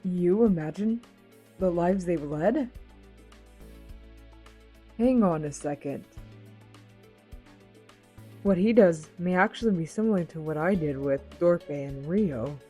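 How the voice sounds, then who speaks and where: An earnest young anime actress, played by a woman in a fan dub. Her voice sits low and soft-edged, with polite, theatrical phrasing and intense curiosity, over clear background music. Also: takes it slowly, long pauses. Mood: thoughtful.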